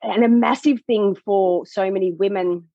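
A woman pelvic health coach explaining her work in a podcast conversation, animated and acting out what clients say. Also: medium pitch, moderate pace, gravelly, no echo, muffled recording. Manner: animated, acts out clients' voices.

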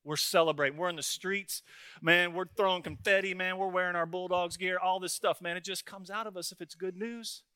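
Bright-voiced pastor, folksy sermon. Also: male voice, sits high, steady tone, fairly quick, clear, resonant tone, dry recording, clean studio sound. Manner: folksy storytelling, tags lines with "right?" and "man".

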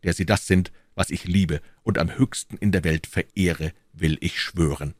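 A man's voice: deep voice, moderate pace, no room sound, clean studio sound. A man reading a proud, defiant musketeer captain. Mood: firm defiant.

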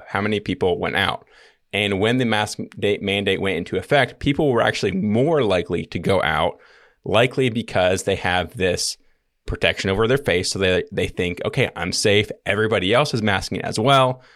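A man with a very deep voice talks through a study in a loose, conversational way, backtracking and restarting his sentences. The sound is dry and close, with no room around it. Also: a bit bright, no echo. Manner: rambling, self-correcting, many fillers. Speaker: podcast co-host. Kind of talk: casual explanatory podcast talk.

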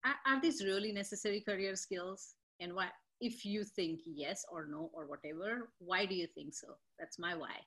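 A woman's voice: medium pitch, normal speed, few pauses, a bit bright, slightly rough. A woman hosting an interview podcast, chatting in a conversational way and often saying "you know". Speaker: host.

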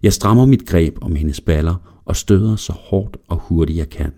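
A man narrates a first-person erotic audio story in a slow, even reading voice. His voice is very low and dark, with a mellow warmth.

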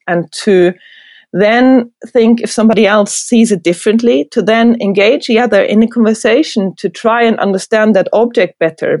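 A middle-aged German woman with a German accent, a design professor speaking as an interview guest, animated and thoughtful, laughing often. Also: medium pitch, dry recording. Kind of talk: reflective conversational interview.

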